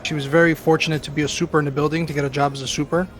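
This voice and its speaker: A man's voice: a little high, little pitch movement, very fast, fairly bright tone, soft background music. Rambling New man, around forty. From Queens, New York. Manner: rambling, self-deprecating, many fillers. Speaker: guest. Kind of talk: casual chat.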